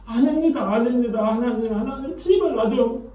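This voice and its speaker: A man's voice: extremely high pitch, moderate pace, dark tone, lo-fi sound. A preacher voicing a desperate man begging God for a blessing, pleading. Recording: echoey church from far off.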